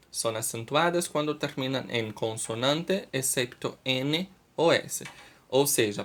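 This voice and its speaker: A man with a Brazilian Portuguese accent teaching a Spanish lesson to school students, explaining slowly and often checking understanding with "ok?". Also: mid-range voice, a bit bright. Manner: slow and deliberate, checks understanding with "ok?".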